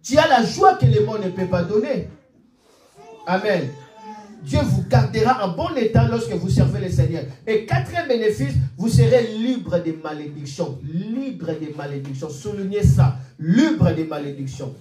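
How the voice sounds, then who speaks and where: A man in his forties preaching a sermon as pastor, animated and peppered with alleluias and amens. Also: high-pitched, a little slow. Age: 40s. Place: church hall. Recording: echoey room, mic at a distance.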